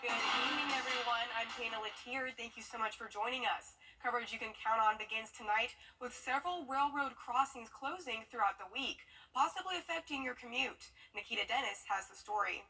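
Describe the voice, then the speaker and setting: A woman's voice: fairly high pitch, a little fast, few pauses, bright, forceful tone, breathy edge, recorded from a distance, poor audio. A woman anchoring local television news, reading scripted headlines and introductions.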